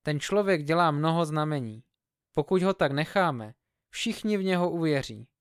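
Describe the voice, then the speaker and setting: A man voicing a worried council of priests and Pharisees in a measured reading. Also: fairly high pitch, lively intonation, clean tone, no room sound, studio quality.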